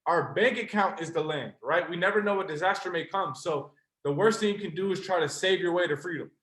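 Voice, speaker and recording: A young adult man, a trading mentor, gives an earnest, passionate motivational sales pitch to a live online call, speaking straight to his listeners. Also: a little fast, a bit bright. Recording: roomy echo.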